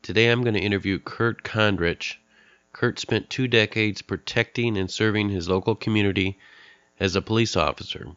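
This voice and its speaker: A man's voice: fairly low pitch, steady tone, a bit bright, clean tone, no room sound, muffled recording. A middle-aged man hosting a podcast, speaking earnestly and candidly with a nasal, stuffed-up voice from a cold. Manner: earnest, candid, pauses with fillers. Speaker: podcast host. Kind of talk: podcast monologue introducing a guest.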